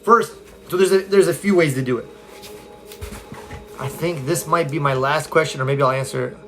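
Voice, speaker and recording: A man's voice: on the high side, moderate pace, soft background music. A man, chatting casually on a live stream, answering viewer questions as a self-help coach in an upbeat, conversational way. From California. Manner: upbeat, conversational, reads viewer comments aloud. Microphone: phone.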